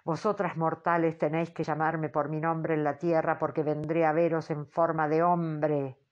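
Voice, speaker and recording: A woman voicing a brash, teasing male spirit in an audiobook, booming and mocking in manner. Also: level tone, moderate pace, highs cut off, lightly acted. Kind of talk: audiobook character voice.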